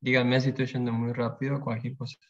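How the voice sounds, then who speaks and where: Speaking fairly quickly in a level, mid-range voice, a man runs a pronunciation workshop. He explains patiently and repeats the example words, captured in a dull lo-fi recording.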